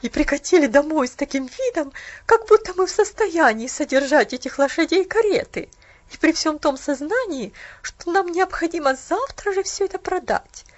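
A woman voicing a stern, bitter middle-aged aunt in mourning, talking sharp and clipped like she's giving orders, read aloud in a storybook. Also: sits high, animated, fairly quick, hardly any pauses, muffled recording. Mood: scornful.

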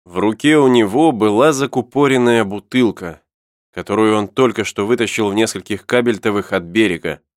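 A low-voiced man narrates an audiobook from a script at normal speed, recorded dry in a clean studio.

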